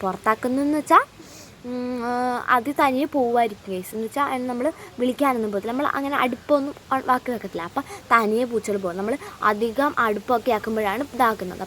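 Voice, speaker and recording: A chatty woman with a fairly high voice talks her viewers through her home garden, filming on a phone outdoors. Faint outdoor noise sits under her voice. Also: a bit bright. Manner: chatty, addresses viewers as guys. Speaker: vlogger. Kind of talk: casual vlog walkthrough.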